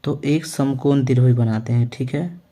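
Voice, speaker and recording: A male maths teacher talks through a lesson in a warm, mellow voice at a middling pitch. He keeps asking the viewers questions and answering them himself, and he checks in with them after nearly every point. When he writes on the board, he slows down and spells out his words. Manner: ends phrases with a reassuring check-in. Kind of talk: classroom-style lesson.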